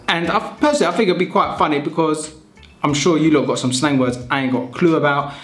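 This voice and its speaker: Slow, chatty man in an echoey room. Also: a little high. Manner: chatty, self-mocking, muses aloud. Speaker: vlogger. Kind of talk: casual vlog chat.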